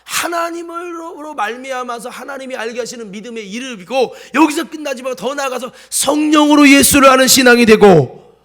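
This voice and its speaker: A male pastor with a very high voice and a light Chungcheong Korean accent preaches a sermon in church. He alternates between loud exhortation and hushed asides, repeatedly quizzing the congregation.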